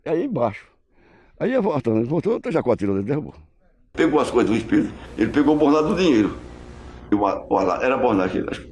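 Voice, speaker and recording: An older man, recounting what he saw in quick, halting bursts full of restarts. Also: medium pitch, sing-song, darkish tone. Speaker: eyewitness interviewee. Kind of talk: storytelling recollection. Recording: roomy echo.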